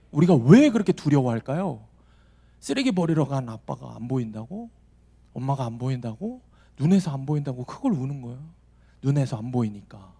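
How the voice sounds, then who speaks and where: A man's voice: medium pitch, dark tone. A male pastor preaching a sermon, telling stories and acting out the voices in them. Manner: storytelling, acting out the voices in his anecdotes. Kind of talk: sermon to a young adults' service.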